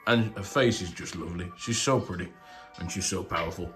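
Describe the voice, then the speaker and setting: A man's voice: low voice, fairly quick, a bit bright, soft background music. A man hosting a casual, chatty action figure review, talking informally and full of superlatives. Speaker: YouTube toy reviewer and channel host.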